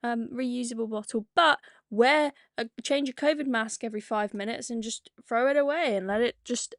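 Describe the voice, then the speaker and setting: Woman doing a preachy eco-campaigner, whiny, higher sing-song voice, sarcastic, dry sound. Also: normal speed, dry recording, natural voice. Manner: sarcastic, mocking.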